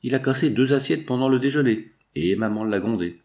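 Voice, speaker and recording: Sacha, read by a man, a gravelly earnest boy. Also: medium pitch, animated, fairly quick, a little mellow, close to an everyday voice. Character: young boy, earnest and outspoken.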